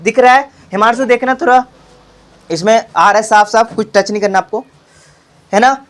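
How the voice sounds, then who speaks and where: Teaching a tuition lesson to children, a young man repeats call-and-response questions to drill his pupils and calls them beta. His voice is high-pitched and a bit bright at a moderate pace, captured in a noisy recording full of clicks.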